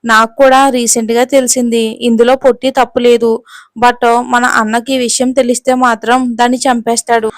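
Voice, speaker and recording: A woman's voice: on the high side, level tone, normal speed, no echo, close to an everyday voice. A woman voicing a young woman who secretively warns her sibling. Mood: worried.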